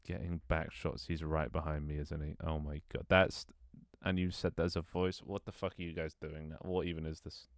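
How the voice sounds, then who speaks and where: A bass-voiced young man speaks at normal speed in a level tone on a dry, studio-quality recording. It's casual live-stream talk while gaming, as he chats with viewers and to himself over setup, rambling, restarting frequently and laughing.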